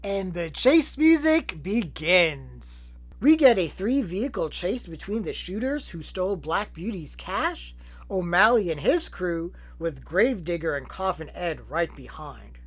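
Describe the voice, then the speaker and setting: A man's voice: sits high, sing-song, unhurried, soft background music. A man hosting a film retrospective, talking with sarcastic, profane jokes between clips. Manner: sarcastic, profane, joking asides. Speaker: film review host.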